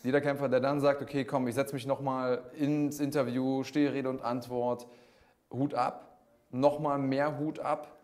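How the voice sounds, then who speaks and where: A man's voice: mid-range voice, level tone, measured pace, a little mellow. A man hosting a conversational live-stream sports interview, talking at length in an encouraging way. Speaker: combat sports show host, interviewer.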